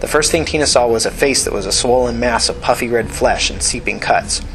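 A man narrating an audiobook in a steady, even reading voice. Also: mid-range voice, a little fast, faint music behind, low-quality recording.

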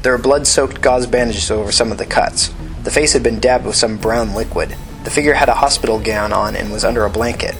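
A man narrating an audiobook in a steady, even reading voice. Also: lowish voice, poor audio.

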